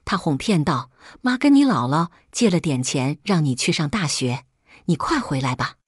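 A woman's voice: lowish voice, lively intonation, normal speed, a little mellow, breathy edge, dry recording, studio quality. A woman voicing a scheming middle-aged mother who coaxes and pleads with her daughter. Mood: coaxing. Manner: coaxing, pleading.

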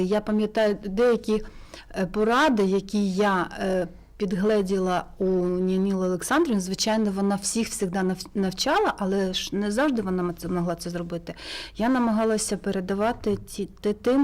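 A woman with a Ukrainian accent, a sound engineer chatting as a studio guest, telling stories with many pauses and fillers. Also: medium pitch. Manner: relaxed, storytelling, many hesitations. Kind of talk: casual studio interview.

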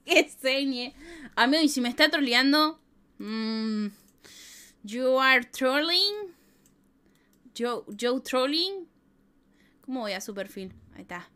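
A woman livestreaming in a cute anime-style manner, chatting casually and playfully with excitable swearing. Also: on the high side, unhurried, smooth. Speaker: streamer. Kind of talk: casual livestream chat with viewers.

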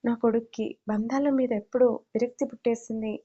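A woman's voice: fairly high pitch, fairly even intonation, brisk, warm tone, lo-fi sound, lightly acted. A woman reading the part of a widowed uncle who speaks wearily and sadly. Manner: weary, sorrowful. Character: grieving widowed uncle, weary and hurt.

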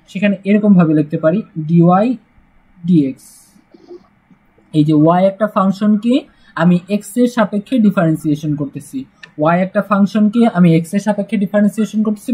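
A man's voice: sits high, warm tone, rough recording. A man teaching a casual math lesson, chatty and joking, with frequent "uh" fillers. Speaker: math tutor.

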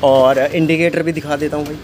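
A brisk man with a fairly high, level voice runs a bike shop and a channel, and here he's casually showing off his work in a walkaround video. Chatty and boastful, he sprinkles "bhai" everywhere and calls everyone "bro." He's recorded off screen on a phone camera at his outdoor repair shop, with a noisy street and traffic behind.

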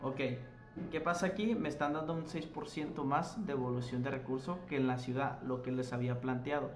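A man's voice: mid-range voice, a little fast. A man hosting a casual gameplay tutorial, chatting to his viewers and correcting himself as he explains. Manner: chatty, addresses viewers as "chicos", self-corrects while explaining. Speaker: gaming tutorial host. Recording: echoey room with faint noise.

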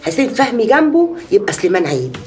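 Actress playing a boastful much-married gossip, egyptian accent, chatty, quick talker. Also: female voice, mid-range voice, big pitch swings, darkish tone, close to an everyday voice. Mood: boasting. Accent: Egyptian Arabic. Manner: chatty, exaggerating storyteller. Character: boastful, gossiping, many-times-married woman.

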